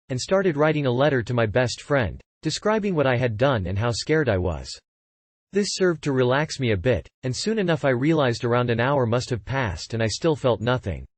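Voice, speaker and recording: A man's voice: mid-range voice, no echo. A man reading a scripted first-person story in descriptive, literary phrasing. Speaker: storyteller recounting a personal experience.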